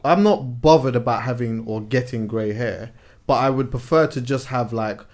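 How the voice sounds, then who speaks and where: A man's voice: mid-range voice, normal speed, a little mellow. A man with an urban London roadman accent, hosting a casual chat in slangy, street-style phrasing. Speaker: host.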